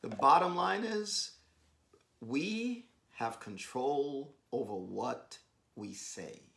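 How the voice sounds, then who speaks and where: A man giving a devotional talk with his wife, exhorting and emphatic, rising to bursts of excitement, speaking over a video call. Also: medium pitch, very slow, vocal fry. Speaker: husband co-hosting a devotional. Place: home, joining an online meeting.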